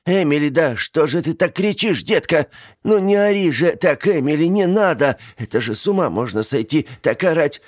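A man reading an audiobook voices a fussy elderly aunt with a fierce temper, shrill and scolding. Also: moderate pace, darkish tone, dry recording, studio quality, natural voice. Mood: pleading.

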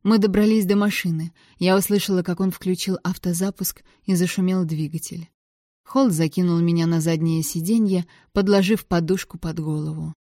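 A woman reading a novel aloud in the first person, in an expressive, measured storytelling manner on a close mic. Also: fairly low pitch, no echo. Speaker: audiobook narrator. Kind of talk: first-person audiobook narration.

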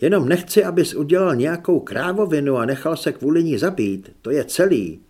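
A male audiobook reader voicing a tough, sharp-tongued young woman who scolds bluntly in a slightly raised voice. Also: on the high side, expressive, breathy edge. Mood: scolding.

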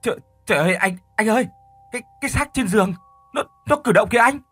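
A jumpy, loose-mouthed kid brother, played by a male storyteller, pitched well above a man's usual voice and whiny, stumbling over words when scared. The tone is bright and a little breathy. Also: quick pace, no echo, soft background music. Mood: terrified.

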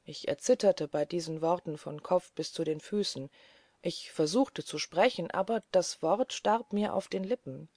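A woman reading a classic novel aloud as an audiobook narrator, calm and even. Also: fairly low pitch, moderate pace, dry recording.

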